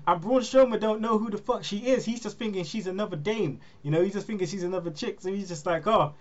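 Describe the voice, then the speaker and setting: Male host, a bit high, storytelling with laughs, muffled recording. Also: fast talker. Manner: storytelling, laughs often, acts out quotes. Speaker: podcast host. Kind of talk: casual wrestling chat.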